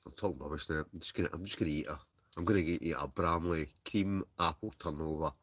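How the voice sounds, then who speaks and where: Low-voiced rambling Scottish man, livestreaming. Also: fast, no room sound. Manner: rambling, chuckling, easily sidetracked. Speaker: livestream host. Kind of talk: casual livestream chat to viewers. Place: inside a tent.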